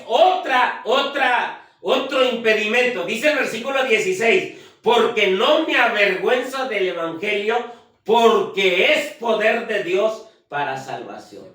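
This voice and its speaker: High-pitched preacher in an echoey hall. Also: male voice, fairly bright tone, recorded from a distance. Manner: asks the congregation questions, lists points. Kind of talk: sermon. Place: church. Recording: echoey church heard from afar.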